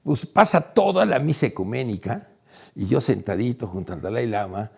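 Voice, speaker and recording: A man telling a personal story in a lively way, his voice climbing high and loud at the exciting parts. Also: normal speed, gravelly, husky. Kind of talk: animated storytelling.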